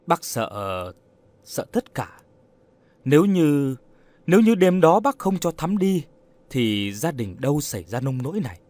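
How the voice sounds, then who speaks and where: A man's voice: mid-range voice, very animated, moderate pace, no echo. A man voicing a sorrowful, guilt-ridden old man. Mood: anguished pleading. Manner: quavering, choked with sorrow.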